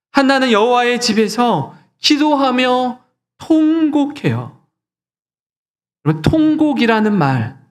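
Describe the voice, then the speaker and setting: A male pastor preaching a sermon earnestly, putting rhetorical questions to his congregation. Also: sits high.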